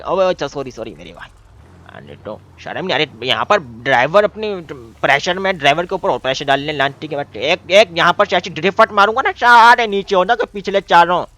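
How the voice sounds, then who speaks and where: A man streaming a game role-play, loud and bossy, teasing and shouting at his friends. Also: a little high, no room sound.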